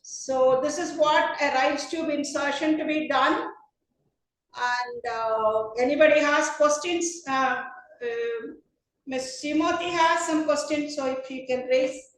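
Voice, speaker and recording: A woman's voice: high voice, steady tone, slow pace, very echoey, poor audio. A woman doctor teaching a procedure over a video call, walking through each step and repeating what is important. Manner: instructive, stresses key points with repetition. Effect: heard over a video call. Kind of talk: webinar teaching demonstration.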